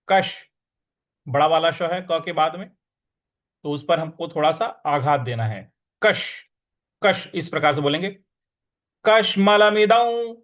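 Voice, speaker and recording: A man teaching verse recitation, breaking words into syllables and chanting each line deliberately. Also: a little high, a bit bright. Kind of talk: Sanskrit recitation lesson.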